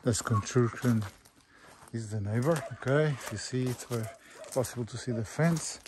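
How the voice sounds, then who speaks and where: Speaking halting, simple English in short phrases, a Portuguese-accented male estate agent gives an informal walkthrough outdoors on a rural farm. His voice sits at a medium pitch. It was captured on a handheld phone or camera he holds, with faint background noise in the open air.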